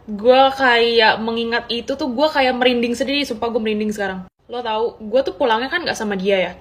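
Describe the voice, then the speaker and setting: A young woman, telling a story in a casual, slangy, animated way. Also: on the high side. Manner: animated, slangy, dramatic retelling. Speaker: podcast storyteller.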